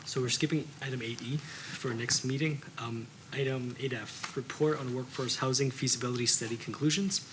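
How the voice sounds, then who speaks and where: A man's voice: medium pitch, steady tone, brisk. A man chairing a board meeting, speaking in a formal procedural style. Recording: noisy meeting room.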